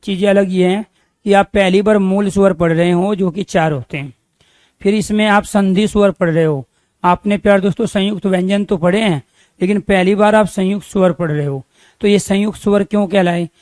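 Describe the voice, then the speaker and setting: A man's voice: sits high, dry recording, studio quality. A man teaching a grammar lesson, asking questions and answering them himself, repeating key terms so they stick.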